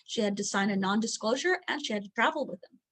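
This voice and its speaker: A woman's voice: mid-range voice, lively intonation, quick pace, a bit bright. A middle-aged woman teaching a recorded training lesson, chatty and candid, with many fillers and quoted asides. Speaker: training instructor.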